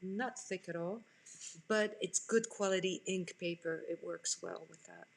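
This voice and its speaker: A French woman in her forties, an art instructor, chats casually with viewers and answers their comments while drawing during a live online class from a room at home. Her voice is on the low side, a little slow and creaky. The recording is rough, with a bit of hiss or hum.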